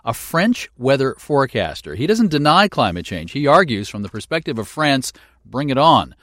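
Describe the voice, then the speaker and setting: Mid-pitched male radio news host. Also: sing-song, moderate pace, fairly bright tone, dry recording, studio quality. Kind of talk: scripted radio news presenting. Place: radio studio.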